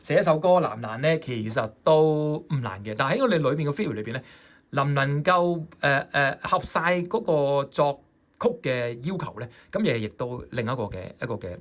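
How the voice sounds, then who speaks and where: A man's voice: medium pitch, expressive, moderate pace. A man with a Hong Kong Cantonese accent, teaching saxophone in a chatty way and often checking in with his students. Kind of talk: explaining a score in a music lesson.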